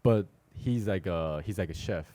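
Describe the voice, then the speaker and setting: Lower-voiced male co-host with an accent. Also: normal speed, warm tone, no echo. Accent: non-native English. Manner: loose, non-native grammar with frequent backchannel okays. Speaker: podcast co-host. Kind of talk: casual chat.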